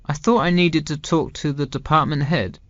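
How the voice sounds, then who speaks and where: A man's voice: on the high side, fairly even intonation, moderate pace, a bit bright, lo-fi sound, close to an everyday voice. A man playing a university student in a scripted, carefully enunciated textbook dialogue. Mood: polite, inquiring. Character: male university student discussing his dissertation with an adviser. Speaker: student in a listening-test dialogue.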